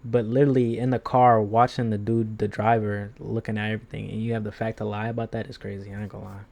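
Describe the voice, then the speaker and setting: Male co-host, gravelly mid-pitched voice, slangy and emphatic. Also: little pitch movement, fast, a little mellow. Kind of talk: casual group commentary.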